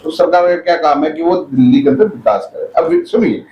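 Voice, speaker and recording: High-voiced man arguing in a roomy studio. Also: lively intonation, a little fast, muffled recording, a crowd in the background. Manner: argumentative, builds his case with rhetorical questions. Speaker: debate panelist. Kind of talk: heated TV studio debate.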